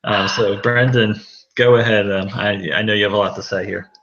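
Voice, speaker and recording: A man's voice: fairly low pitch, fairly even intonation, normal speed, fairly bright tone, lo-fi sound, slight background noise. A man hosting a casual fantasy football show, teasing his guests with stammered restarts. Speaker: show host.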